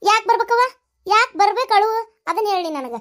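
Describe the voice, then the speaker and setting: A woman's voice: very high-pitched, lively intonation, a bit bright. Woman doing a scolding old mother-in-law. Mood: accusing. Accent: North Karnataka Kannada. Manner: scolding, mocking, rapid-fire accusations. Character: sharp-tongued elderly mother-in-law, scolding and suspicious. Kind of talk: cartoon story voice acting.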